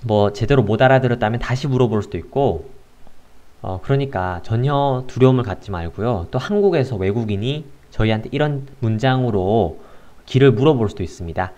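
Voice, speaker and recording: A man's voice: mid-range voice, animated, dark tone. Man teaching with many filler sounds. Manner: unhurried, with frequent filler sounds. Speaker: English teacher. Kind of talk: casual explanatory lesson.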